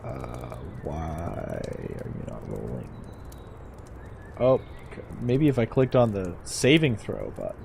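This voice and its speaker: Casting: dry player, very slow delivery, faint noise behind. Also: rumbling low, sing-song, vocal fry. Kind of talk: casual tabletop play.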